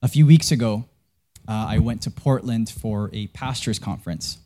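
Here a young pastor from Canada, his voice fairly low and mellow at a normal speed, is preaching. His storytelling is relaxed and self-deprecating, full of filler words and false starts.

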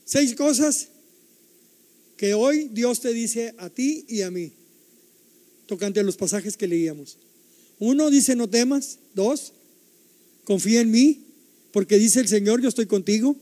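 A man's voice: very high voice, slow, long pauses, mellow, big-room sound. An older man preaching a sermon, emphatic and repetitive, putting rhetorical questions to his listeners.

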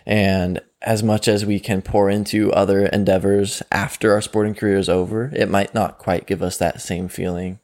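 A man's voice: fairly low pitch, little pitch movement, normal speed, hardly any pauses, darkish tone. A young man, a mental performance coach, talking easily in an interview, laughing often and filling with likes and ums. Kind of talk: conversational interview.

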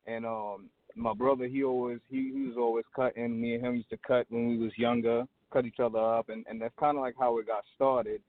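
A man's voice: medium pitch, a little fast, few pauses. A man from Trinidad who owns a barbershop, chatting casually as a guest and rambling with lots of fillers. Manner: relaxed, rambling with many fillers. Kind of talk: casual interview chat. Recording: dry tinny phone line.

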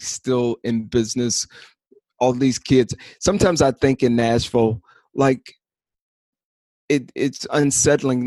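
A man co-hosting a podcast in casual chat, rambling and animated, with many fillers and restarts. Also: mid-range voice, no room sound. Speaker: podcast co-host.

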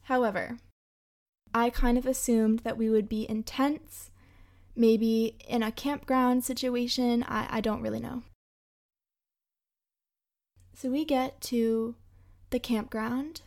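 Young woman, podcast host, casual storytelling, chatty and emphatic, higher voice.

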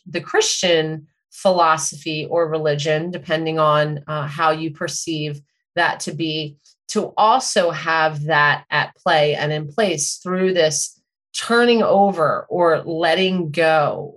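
A middle-aged woman telling a personal story in a measured, thoughtful and self-questioning way, as a podcast host. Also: fairly low pitch.

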